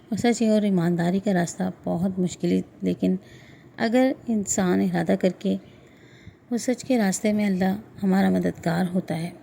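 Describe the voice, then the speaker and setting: A woman narrating an emotional first-person story in a steady, earnest way. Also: mid-range voice, creaky, a little hiss or hum.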